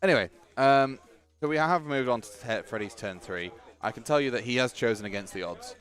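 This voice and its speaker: A man's voice: medium pitch, brisk, fairly bright tone, soft background music. A man giving casual live-stream commentary on a tabletop game, chatty and joking while he sorts out the stream.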